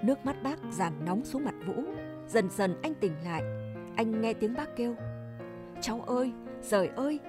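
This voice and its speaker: A woman reading a serialized novel aloud, in measured, emotive storytelling. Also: on the high side, animated, music in the background. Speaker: audiobook reader. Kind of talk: scripted novel narration.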